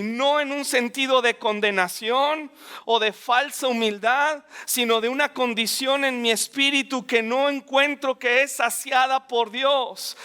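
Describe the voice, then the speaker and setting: High-voiced preacher. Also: male voice, bright, forceful tone, smooth. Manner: earnest, emphatic, acts out scripture scenes. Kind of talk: sermon.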